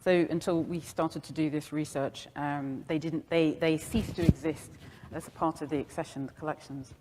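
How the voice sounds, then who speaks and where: A woman's voice: deep voice, steady tone, moderate pace, noisy background. A woman speaking in a documentary interview, explaining things hesitantly and starting phrases with fillers.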